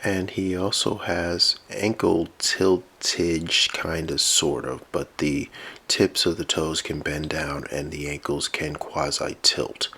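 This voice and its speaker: A man giving a casual toy review, rambling with fillers and relaxed asides. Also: very deep voice, slow, breathy edge.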